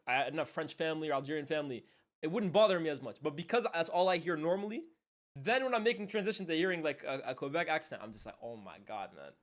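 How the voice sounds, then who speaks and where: A young man talking casually on a live watchalong stream, his voice sitting a little higher than most men's. He keeps it loose and chatty, dropping "bro" and "man" constantly and laughing as he calls the match. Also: fairly bright tone. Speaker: streamer hosting a football watchalong.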